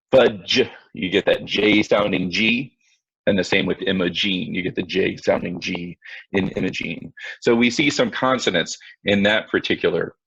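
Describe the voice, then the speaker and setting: A male teacher leads an online class in a low, gravelly, slightly husky voice. He talks to his students directly, casual and self-mocking. The sound is dry and a bit dull, like computer audio from a video call. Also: a bit bright, no echo. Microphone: computer mic on video call.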